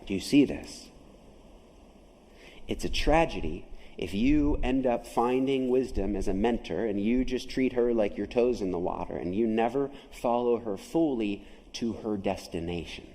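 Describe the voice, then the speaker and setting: A man's voice: on the low side, animated, unhurried, mellow, big-room sound, rough recording. A man preaching a sermon as pastor, emphatic, often asking his listeners questions. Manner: emphatic, asks the audience questions. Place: chapel.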